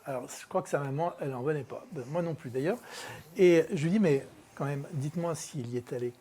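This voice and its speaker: An EFT practitioner and trainer speaking in a workshop, relaxed and full of pauses, recounting a case and acting out dialogue with a child. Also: mid-range voice, a little hiss or hum. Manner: storytelling, acts out dialogue with a child; relaxed, many fillers and pauses. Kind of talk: workshop talk with an anecdote.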